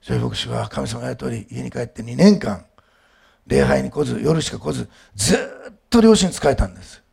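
Gravelly-voiced male pastor preaching. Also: medium pitch, animated, a little fast. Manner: swings from quiet storytelling to loud emphatic preaching. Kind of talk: sermon.

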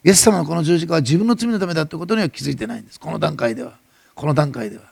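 A middle-aged male pastor with a Nagasaki dialect, preaching a sermon that swells loud and then drops soft. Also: a little high, rapid-fire, creaky, slightly rough, no room sound.

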